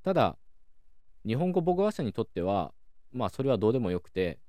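A man hosting a calm solo talk show, explaining things in a measured way with many soft fillers. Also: mid-range voice, dry recording, clean studio sound. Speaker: podcast host.

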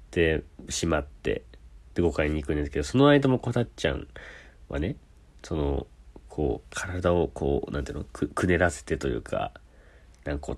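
A man with a deep, husky voice tells a personal story in a casual, animated way. His pitch swings widely as he builds the tale and slips into the voices of the people in it. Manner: animated, acts out quoted voices. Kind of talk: casual anecdote.

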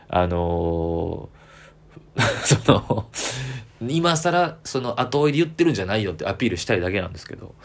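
Man, Kansai accent, deep low voice, comedian talking solo, chatty and rambling. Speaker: comedian podcaster. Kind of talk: solo casual chat.

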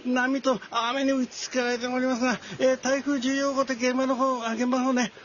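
Man playing a high-voiced, frantic typhoon reporter. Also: little pitch movement, fairly quick, highs cut off, a little hiss or hum. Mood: frantic, excited. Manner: breathless live-report delivery, flustered, repeating himself. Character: frantic male typhoon reporter, a struggling comedian. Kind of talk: comedy skit parodying live weather reporting.

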